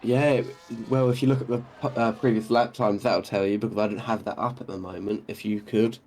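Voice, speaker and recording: A man's voice: on the low side, steady tone, a little fast, darkish tone, slight background noise. A man co-commentating a sim racing league over online voice chat, adding short, chatty remarks on tyres and strategy.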